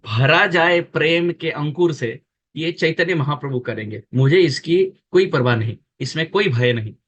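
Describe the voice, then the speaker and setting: A man giving a devotional sermon, explaining earnestly with emphatic repetition and chanting verses in a slow, drawn-out voice. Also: a little high, breathy edge, muffled recording. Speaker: preacher.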